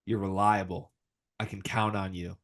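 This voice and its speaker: A man's voice: sits low, little pitch movement, moderate pace, fairly bright tone. An American man co-hosting a casual sports talk show, speaking emphatically in informal slang and hyperbole. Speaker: sports podcast host.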